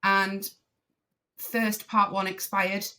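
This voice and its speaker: A woman guest on a podcast, a driving instructor trainer, telling her story in a casual, animated way and acting out what people said. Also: medium pitch, extremely slow. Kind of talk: casual interview chat.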